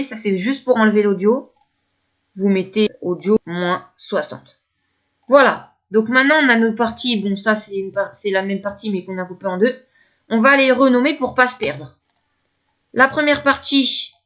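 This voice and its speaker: A woman's voice: mid-range voice, a bit bright, highs cut off. A woman teaching video editing step by step, hesitant and repeating herself as she talks through each click. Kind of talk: screen-recorded editing tutorial.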